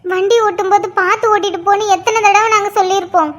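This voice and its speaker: A woman's voice: very high voice, fairly even intonation, quick pace, fairly bright tone. A woman voicing a worried middle-aged mother in a cartoon, scolding her injured son. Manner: scolding, tearful. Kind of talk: cartoon voice acting.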